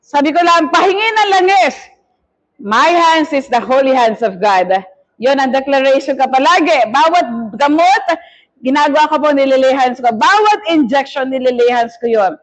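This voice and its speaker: A middle-aged woman bishop preaching a testimony sermon, telling her story with lively acted-out quotes. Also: sits high, normal speed. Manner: animated storytelling that mixes Tagalog and English, with acted-out quotes.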